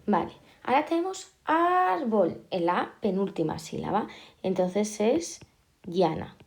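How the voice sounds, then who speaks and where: A woman teacher, patiently explaining a lesson and repeating key words slowly. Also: medium pitch, big pitch swings, creaky, a little mellow. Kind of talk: classroom explanation.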